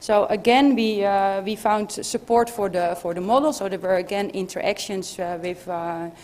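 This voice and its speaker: A woman's voice: medium pitch, steady tone, normal speed, a little mellow. A woman giving an academic conference presentation, hesitant, with many filler sounds and restarts. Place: conference room.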